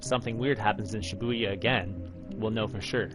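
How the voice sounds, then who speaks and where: This Alaskan man in his thirties briskly reads visual novel text aloud like a narrator, giving it a dramatic delivery. His voice is on the low side with fairly even intonation, and game music runs underneath.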